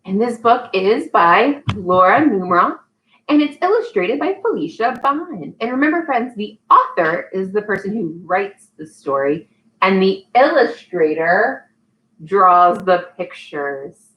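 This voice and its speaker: A very animated woman with a medium-pitched voice hosts a live storytime for young children, speaking a little slowly. As an early childhood teacher, she encourages the kids and becomes sing-song while leading activities. The highs are cut off.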